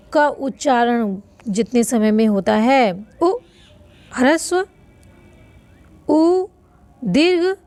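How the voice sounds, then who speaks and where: Slow, high-voiced woman teacher. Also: a little mellow, no room sound. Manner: patient, repeats rules, asks and answers own questions; stretches vowel sounds to demonstrate length. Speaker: Sanskrit grammar teacher. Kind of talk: online lesson explaining notes.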